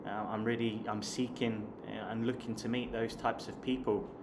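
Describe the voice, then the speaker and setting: Talking casually to camera, an online English teacher and vlogger from Hampshire in southern England, in his late thirties, chats to viewers he calls "guys." He has a southern English accent and a mid-range voice with little pitch movement at a moderate pace. Clear background noise runs through the recording.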